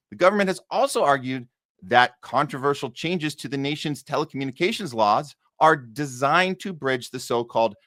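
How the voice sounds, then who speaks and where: A man hosting a news countdown show, reading stories haltingly and dropping in sardonic commentary. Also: medium pitch, a bit bright, no echo, clean studio sound. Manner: sardonic asides.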